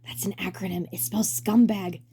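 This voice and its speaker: A woman's voice: mid-range voice, steady tone, normal speed, dark tone, close to an everyday voice. A woman voicing a hesitant, sardonic older-brother turtle in a cartoon story, dry and easily exasperated. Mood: weary, doubtful.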